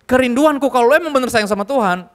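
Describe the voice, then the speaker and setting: A male youth pastor preaching to a live audience in a church hall, lively and joking, often switching into English. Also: extremely high pitch, fast. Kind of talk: sermon.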